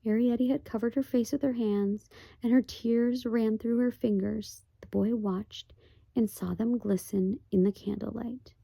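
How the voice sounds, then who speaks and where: A woman reading a children's novel aloud, gently, with chatty asides. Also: on the high side, fairly even intonation, unhurried, creaky, husky, no echo. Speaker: storybook reader.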